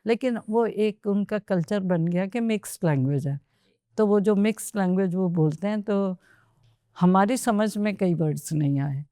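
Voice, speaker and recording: Recorded in studio quality with no room sound, a woman guest on a podcast tells her story unhurriedly, mixing English phrases into her Hindi. Her voice is mid-range, mellow and clear, with a resonant tone.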